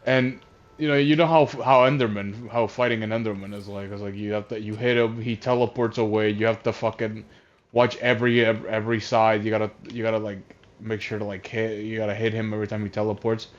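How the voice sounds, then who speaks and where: A man's voice: lowish voice, flat delivery, a little fast. A man ranting casually on a voice call, rambling and exasperated, with lots of swearing and restarts. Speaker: streamer. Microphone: voice chat headset. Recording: dull lo-fi console chat audio.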